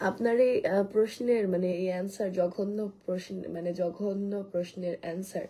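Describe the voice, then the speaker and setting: Hoarse woman chatting on a live stream. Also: medium pitch, steady tone, moderate pace, dark tone, poor audio. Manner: rambling, restarts a lot, reads commenters' names aloud. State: hoarse from coughing. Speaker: live streamer selling skin care. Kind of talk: casual live-stream chat answering viewer comments.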